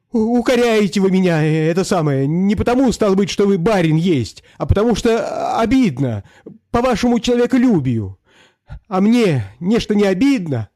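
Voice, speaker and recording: A humble, lame peasant pleads in a thin, quavering falsetto, stumbling over his words, as a man acts him out. The voice sits high and jumpy, with a mellow, dry tone. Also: dry recording. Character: timid lame peasant poacher, trembling falsetto.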